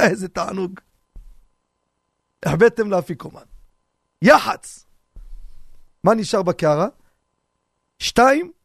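Brief: male rabbi radio host, very high voice, dry close sound, lively sermon with rhetorical questions and jokes. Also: gravelly, no room sound. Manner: animated preaching with rhetorical questions and humor. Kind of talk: radio sermon on seder customs.

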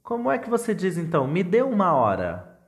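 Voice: medium pitch, huge pitch swings, a little fast. An English teacher with a Brazilian Portuguese accent, giving a call-and-repeat lesson with careful model phrases and questioning prompts.

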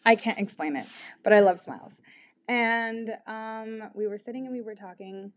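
A woman's voice: a little high, normal speed. A young woman chatting casually to camera, full of "like" and "um," candid and giggly as she tells a personal story. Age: young adult. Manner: chatty, filler-heavy with constant "like" and "um"; candid and giggly, laughs mid-sentence. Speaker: vlogger.

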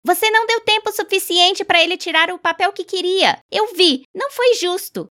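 A woman reading aloud and voicing an indignant, frantic village wife who shouts her protests. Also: very high voice, very animated, moderate pace, voice pushed up, heavily acted. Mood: outraged.

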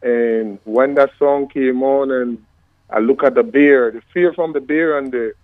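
A Guyanese-born man in his fifties tells his story down a narrow, tinny phone line. He talks slowly and gives thanks often, with a devout, easy manner. The sound is dry and close, with no room around it. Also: mid-range voice, no room sound. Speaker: reggae singer, phone-in guest. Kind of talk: relaxed storytelling interview.

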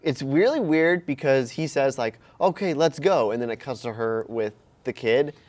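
A man's voice: mid-range voice, moderate pace. A man casually recapping a movie plot in a chat, telling it with laughs and acted-out quotes. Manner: animated, laughing storyteller who acts out quotes. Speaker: podcast co-host recapping a movie. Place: room shared with the other hosts.

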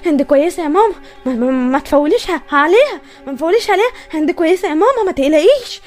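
A woman voicing a young Egyptian sister who speaks quickly and stammers while soothing her mother. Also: very high-pitched, animated, soft background music.

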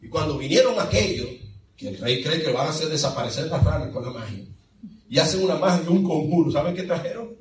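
A man's voice: fairly high pitch, animated, quick pace, recorded from a distance, crowd noise. A man preaching a sermon, telling the story in a vivid, dramatic way with humor, recorded from afar in an echoey church hall.

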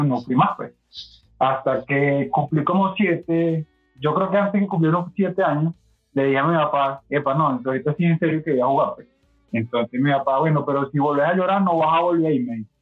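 A Venezuelan man speaks as a podcast guest, rambling through his story and restarting often. His voice sits a bit high and comes through a thin, phone-like line with faint music underneath. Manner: rambling, many fillers and restarts. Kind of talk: casual interview storytelling.

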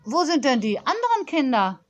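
A woman voicing a whimsical, dreamy grown-up nanny who speaks calmly and mildly. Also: high-pitched, normal speed, voice pushed up.

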